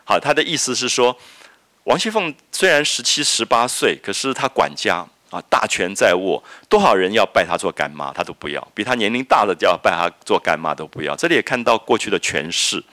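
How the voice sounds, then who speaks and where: A man's voice: lowish voice, animated, fairly quick, pushed and bright, no room sound. A middle-aged man, lecturing on a classic novel, reading passages aloud and then explaining them. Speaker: literature lecturer.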